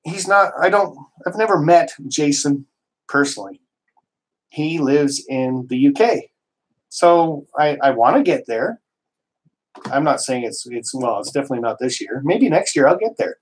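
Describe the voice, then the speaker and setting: A man's voice: on the high side, lively intonation, moderate pace, breathy edge, rough recording. Worked-up man ranting on a live stream. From Canada. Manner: worked up, emphatic and rambling; frequent mild swearing. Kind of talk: casual live-stream talk.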